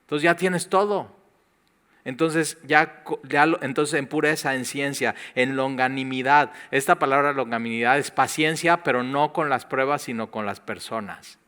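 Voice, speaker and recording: This pastor, whose Spanish carries a Mexican accent, delivers his sermon in a clear, bright, mid-range voice at moderate speed. His tone is lively and chatty, and he performs little quoted asides as he goes.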